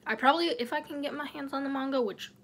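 A woman's voice: sits high, quick pace, a bit bright. Chatty young woman vlogging at home. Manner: chatty, rambling, drops into whispers. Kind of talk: casual vlog chat.

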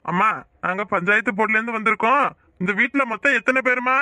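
A man's voice: sits high, fast talker, pushed and bright, no room sound, clean studio sound. A man voicing a puzzled village clerk. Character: village council clerk taking a household count.

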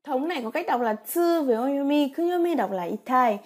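A woman's voice: high-pitched, animated, moderate pace. A woman teaching a vocabulary lesson, reading example sentences and patiently explaining each with rhetorical check questions. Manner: reads example sentences then explains them. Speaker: Japanese teacher.

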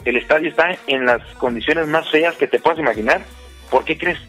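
Husky, pushy Mexican man. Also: on the high side, brisk, pushed and bright, soft background music. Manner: pushy, teasing, demands yes-or-no answers. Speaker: baseball debate panelist. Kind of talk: heated sports debate.

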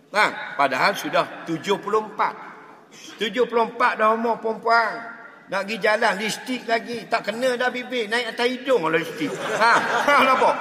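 A man answers religious questions in a joking, rhetorical way during a mosque lecture. His voice sits high and sounds bright and forceful. It rings out in a big hall with long reverb. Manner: jokey, keeps asking the crowd if they understand. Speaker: religious teacher.

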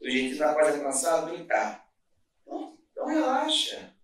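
A man's voice: on the high side, wildly swooping pitch, brisk, fairly bright tone. A man with a Brazilian Portuguese accent, a business owner telling his story in a casual interview, earnest and rambling with many restarts. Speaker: guest, restaurant and bakery owner. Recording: echoey room, mic at a distance.

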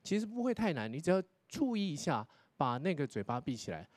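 Animated high-voiced man giving feedback. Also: brisk, no echo. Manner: explanatory, demonstrates English pronunciation, tags sentences with 哈. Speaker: contest judge and English pronunciation lecturer. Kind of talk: spoken critique to contestants.

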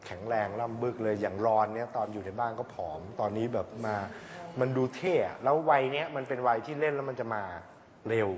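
A man's voice: mid-range voice, a little fast. A man, a singing coach, chatting casually and teasing, laughing often and slipping into coarse slang. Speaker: singing coach on a reality show. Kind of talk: casual studio chat. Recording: roomy hall with audience, dull sound.

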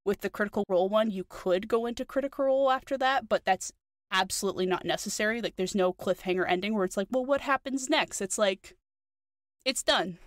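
A woman's voice: medium pitch, fairly even intonation, fast, no room sound. Chatty New Zealand woman, dry sound. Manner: chatty, enthusiastic, many fillers. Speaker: podcast co-host. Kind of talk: casual chat.

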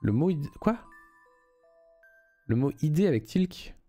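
A man's voice: fairly high pitch, big pitch swings, a little slow, dark tone, faint music behind. A young man streaming a game live, reading the story aloud and chatting loosely with viewers, swearing freely.

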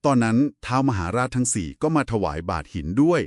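Talking quickly with big swings in pitch, a man with a mid-range voice plays the explainer in a two-person talk on Buddhist scripture. He stays polite and didactic, and the clean studio recording has no echo.

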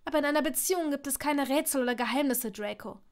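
A woman voicing a fiery, hurt young witch who speaks loudly and with heated emphasis in a fan-fiction audiobook. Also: high voice, quick pace, voice pushed up, close to an everyday voice. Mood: sad.

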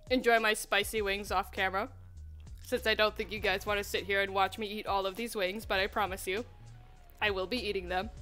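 A young woman hosts a casual livestream for a game studio, reading the chat, laughing often and staying upbeat while eating spicy wings that leave her mouth burning. Her mid-range voice has a bit of brightness.

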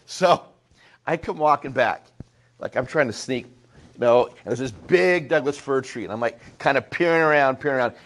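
A man's voice: mid-range voice, moderate pace. Middle-aged man telling a story to parents. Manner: anecdotal, animated storytelling with asides to the audience. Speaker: school presenter speaking to parents. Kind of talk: storytelling talk to a small audience.

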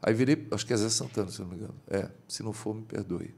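A man, a bishop, telling a story as a guest in a podcast studio, his voice climbing high whenever he gets excited. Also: rapid-fire, gravelly, breathy edge.

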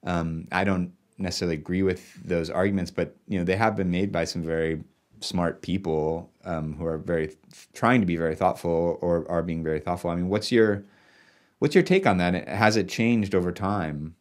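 A man's voice: low voice, moderate pace, a little mellow. A man in his thirties hosting an interview over a video call, asking long, searching questions full of hedges. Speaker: interviewer host. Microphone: webcam on video call.

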